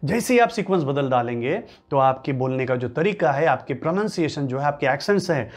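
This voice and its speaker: A man coaching viewers in a motivational lesson, hammering each point through repetition and lists. His voice sits slightly high and swings widely in pitch as he stresses words. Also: animated, brisk. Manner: emphatic, repeats and lists key points for stress. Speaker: English-speaking coach.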